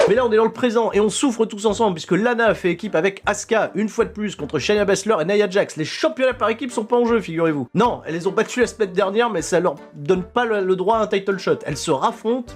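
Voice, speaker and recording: Fast, upbeat man recapping wrestling. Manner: jokey, animated, mimics wrestlers in lower voice. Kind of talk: casual recap commentary.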